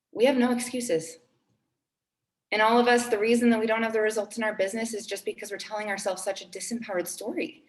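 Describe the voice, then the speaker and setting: A woman's voice: mid-range voice, echoey room. Earnest young woman giving a pep talk. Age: 20s. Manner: earnest, upbeat, repeats key phrases for emphasis. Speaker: team trainer. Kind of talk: motivational talk to a team.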